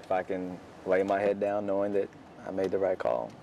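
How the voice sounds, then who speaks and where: Man, child protective investigator, reflective, halting, low voice, traffic noise behind. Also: flat delivery, gravelly, dull audio. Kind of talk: field interview.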